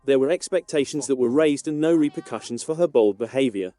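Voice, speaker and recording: A man reading a scripted TV episode recap in a steady, even manner. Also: mid-range voice, fairly quick, no echo. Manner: steady, even read-through of plot events.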